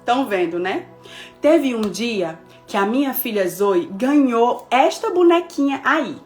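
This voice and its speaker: Expressive higher-voiced woman pastor preaching. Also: a little slow, faint music behind. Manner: expressive storytelling, acting out dialogue, addressing listeners directly. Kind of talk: devotional sermon with a personal story.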